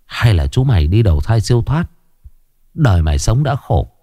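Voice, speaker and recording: A man voicing a clumsy, earnest young night guard who prays in a rough, rambling, folksy way. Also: on the low side, big pitch swings, moderate pace, warm tone, no echo, clean studio sound.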